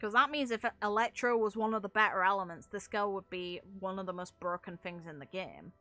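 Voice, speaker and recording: Speaking fairly quickly in a pushed, bright, medium-pitched voice, this gaming video creator and streamer gives loose, opinionated takes on a game. She's blunt and informal, swearing mildly. There's no room sound, just faint music in the background.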